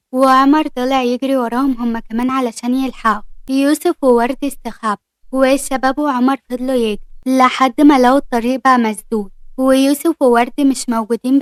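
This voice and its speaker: Egyptian woman storyteller, brisk lively narration, dry close mic. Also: sits high, no room sound. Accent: Egyptian Arabic.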